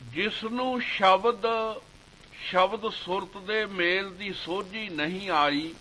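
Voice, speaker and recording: A man giving a slow devotional sermon, reciting scripture verses in a measured chanting cadence. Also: sits high, sharp tone, a little hiss or hum, low-quality recording. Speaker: Sikh preacher.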